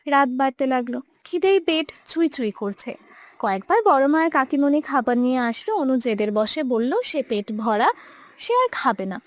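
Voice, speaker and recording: A woman's voice: sits high, very animated, moderate pace, no room sound. A young woman narrating a romantic audio story with emotive, dramatic delivery. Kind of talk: scripted narration.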